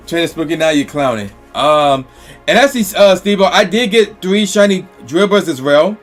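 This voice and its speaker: Guy hosting a chill stream, kinda losing his voice, reads chat out loud. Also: high voice, animated, normal speed, faint music behind. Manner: reads viewer comments aloud, loose and chatty. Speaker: livestream host. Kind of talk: casual livestream chat.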